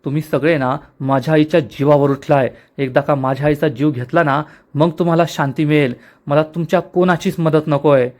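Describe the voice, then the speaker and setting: A man's voice: fairly high pitch, fairly even intonation, a little fast, darkish tone, natural voice. A man reading the lines of a furious young man accusing his family. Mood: angry.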